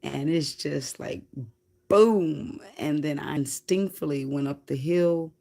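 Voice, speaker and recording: A woman livestreaming, telling a spiritual story in a slow, reflective, casual way with some swearing. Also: sits low, steady tone, creaky, mellow.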